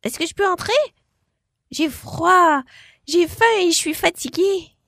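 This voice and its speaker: A woman voicing a brave, cheerful little girl in a storybook reading, with an eager, bright child voice. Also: very high-pitched, a little slow, no room sound, clean studio sound, pitched above the performer's own voice.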